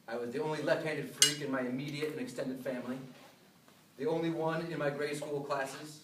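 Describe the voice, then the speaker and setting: An American man delivering a memorized humorous speech to an audience, with deliberate pauses and self-deprecating punchlines. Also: on the high side, steady tone. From upstate New York, USA. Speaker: contestant giving a humorous club speech. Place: live speech in a room. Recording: roomy, distant mic, some noise.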